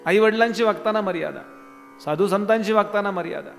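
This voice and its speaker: A high-pitched man preaching, asking his listeners question after question in a chatty discourse style. His voice rings with long reverb in a large hall. Faint instrumental music plays underneath. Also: a little fast, creaky, fairly bright tone. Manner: conversational preaching with rhetorical questions. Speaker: kirtan preacher. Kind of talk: Marathi devotional discourse.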